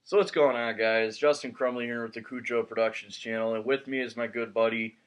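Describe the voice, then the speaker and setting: A man's voice: mid-range voice, fairly even intonation, brisk. A man hosting a movie review channel, chatting casually and laughing easily, recorded on a laptop microphone.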